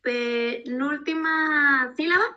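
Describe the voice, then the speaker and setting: Slow, high-voiced hesitant female student. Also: steady tone, sharp tone, lo-fi sound. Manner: hesitant, unsure. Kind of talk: answering in an online class. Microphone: video call mic.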